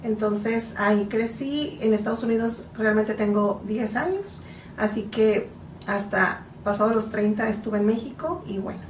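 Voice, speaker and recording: A woman in her forties from Mexico, a psychotherapist guest giving earnest, explanatory interview answers. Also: medium pitch. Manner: earnest, explanatory, slow in places. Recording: echoey room, distant from mic, faint noise.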